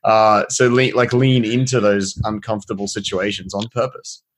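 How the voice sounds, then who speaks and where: A man's voice: lowish voice, fairly even intonation, moderate pace. A man hosting a casual podcast chat, talking in a rambling, hesitant way with lots of "like" and restarts. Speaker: podcast host.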